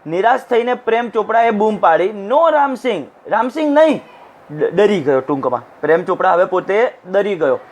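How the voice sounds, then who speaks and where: A male teacher with a high-pitched voice talks through a lesson text. He translates each phrase as he goes and acts out short bits of dialogue. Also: a little fast, hardly any pauses. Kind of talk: classroom lecture explaining an English text. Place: recorded for an online class.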